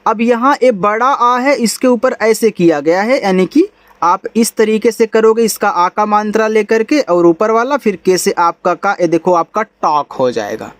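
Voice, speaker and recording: A man's voice: sits high, expressive, unhurried, fairly bright tone, no room sound. A young adult man teaching a lesson step by step, patiently repeating points and checking in with his listeners. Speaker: English teacher.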